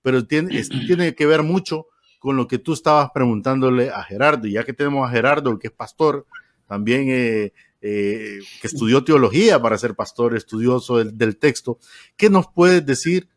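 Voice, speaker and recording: In a dry studio recording, a medium-pitched man with a Honduran Spanish accent takes part in an informal panel discussion. He tends to ramble and hesitate, frequently saying "eh" and beginning his sentences again.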